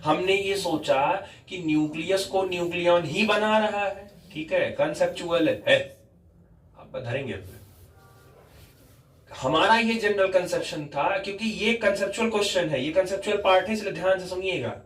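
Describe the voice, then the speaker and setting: A man's voice: high-pitched, moderate pace, a bit bright. A male physics teacher lecturing a class, explaining step by step and repeatedly quizzing his students. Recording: echoey classroom, mic far off.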